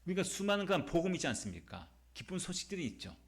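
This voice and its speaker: A male pastor preaching a Sunday sermon, emphatic, posing rhetorical questions and reading scripture slowly. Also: high-pitched, big pitch swings, creaky. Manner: reads scripture slowly and deliberately.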